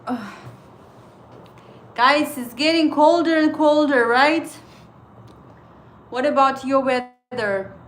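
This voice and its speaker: This high-pitched voice belongs to a thirtysomething native Estonian speaker, accent and all, who runs a casual trading livestream and talks with her viewers in faltering English full of fillers.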